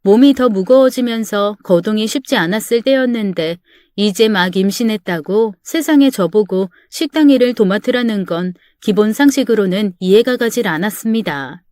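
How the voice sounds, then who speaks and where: A woman's voice: mid-range voice, normal speed, darkish tone, dry recording, clean studio sound. A woman narrating a first-person family story in a plain, confiding way.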